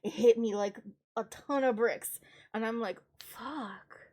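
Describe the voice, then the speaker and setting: Her voice is a little high and warm, and she talks at a slow pace. The young woman streamer sounds stuffed-up while chatting casually, giggling and laughing at her own expense.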